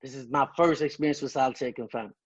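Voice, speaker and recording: A man's voice: mid-range voice, steady tone, racing, husky, dull audio. A man giving an emotional personal testimony as a guest speaker, telling his story with earnest conviction. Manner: earnest, emotional, quotes dialogue.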